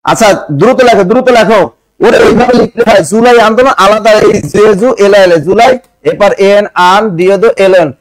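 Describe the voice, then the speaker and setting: High-voiced male teacher drilling a class. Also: brisk, dry recording, poor audio. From Bangladesh. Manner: drills the class with repeated questions, spells words out syllable by syllable. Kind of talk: classroom exam-prep lesson.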